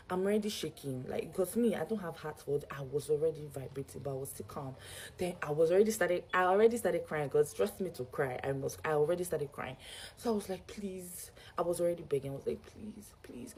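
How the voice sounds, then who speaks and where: A young Nigerian woman recounts a story to her viewers, casual and animated, switching into Pidgin now and then. Her voice sits a little low with a mellow, soft tone. Faint background noise stays under her talk. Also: low-quality recording. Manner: animated retelling with quoted exchanges, some Pidgin. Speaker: vlogger.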